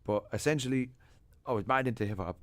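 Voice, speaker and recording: A man with an Irish accent, a podcast guest in casual chat, telling lively stories and quoting others with sudden bursts of energy. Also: mid-range voice, fast. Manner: animated storyteller, quotes others in lively bursts. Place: music studio.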